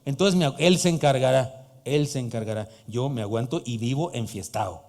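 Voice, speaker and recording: A man's voice: medium pitch, brisk, darkish tone. A man in his fifties with a Mexican accent, preaching a sermon as pastor, emphatic with joking asides to the congregation. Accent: Mexican Spanish. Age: 50s. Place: church hall. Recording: long hall reverb of a church.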